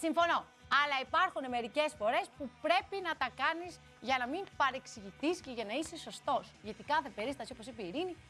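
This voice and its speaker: A woman's voice: high-pitched, expressive, hardly any pauses, bright, forceful tone, faint music behind. A young woman hosting a live TV show, chatting and teasing as she reads out viewer messages. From Greece. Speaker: TV show host. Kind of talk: lively live TV presenting.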